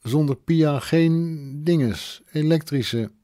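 Pushing his dark voice a little higher, a man plays a grieving thirty-one-year-old woman who is tipsy and wistful, slurring and groping for words in drawn-out speech. It's a dry, close studio recording.

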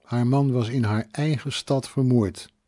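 A man reading a novel aloud as audiobook narrator, calm and even. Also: mid-range voice, measured pace, no room sound, clean studio sound. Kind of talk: scripted narration.

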